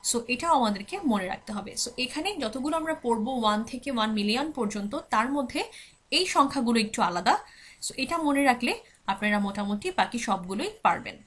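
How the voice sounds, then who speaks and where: Higher-voiced woman teaching a language. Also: animated, fairly bright tone. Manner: repeats example words slowly for practice; mixes English words into her speech. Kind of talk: explanatory language lesson.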